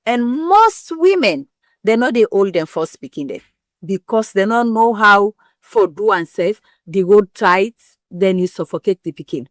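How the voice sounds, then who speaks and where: In a studio-quality recording with no room sound, a woman with a West African Pidgin English accent is interviewed about women's health, explaining it bluntly and forcefully through everyday comparisons. Her mid-range voice is sing-song and measured in pace.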